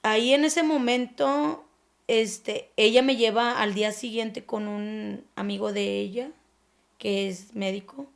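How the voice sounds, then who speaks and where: A woman with a Mexican accent recounting her own story as an anonymous podcast guest, halting and often trailing off softly while she searches for words. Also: on the high side, creaky. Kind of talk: personal testimony on a podcast.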